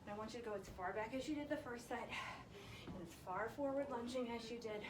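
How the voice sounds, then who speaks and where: A woman fitness instructor leading a workout live, counting and giving short encouraging instructions, a little breathy from exertion. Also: fairly high pitch, fast talker. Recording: echoey, distant mic, loud background noise.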